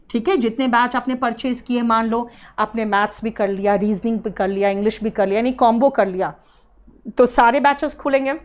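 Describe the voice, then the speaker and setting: A woman's voice: fairly high pitch, lo-fi sound. A woman teaching an online English exam class. She explains words patiently, calls students "beta" and keeps checking "है ना?". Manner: mixes English terms into Hindi explanations.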